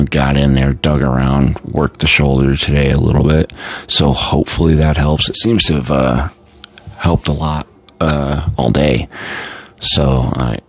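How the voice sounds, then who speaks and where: Man, very deep voice, flat even delivery, tired, casual live-stream rambling, lots of ums and restarts. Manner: relaxed and rambling, with many fillers and restarts. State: tired and yawning.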